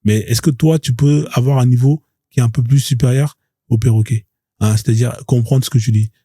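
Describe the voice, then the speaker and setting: A man with a very dark, mellow and husky voice hosts a live stream monologue. He talks in a mocking, confrontational way and hammers the same points again and again. The sound is close and dry, with no room echo. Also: mid-range voice, fairly even intonation, a little fast.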